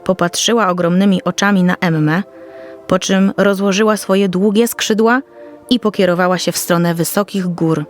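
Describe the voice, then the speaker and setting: Soft music plays beneath a woman narrating a scripted children's story. Her voice sits on the low side with a steady tone, and she reads at a moderate pace in a careful, descriptive storytelling style.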